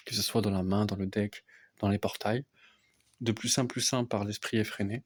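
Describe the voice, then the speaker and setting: A young man softly explaining a card game deck as casual gameplay commentary, often hesitant with fillers. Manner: speaks softly, low volume. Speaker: card game content creator.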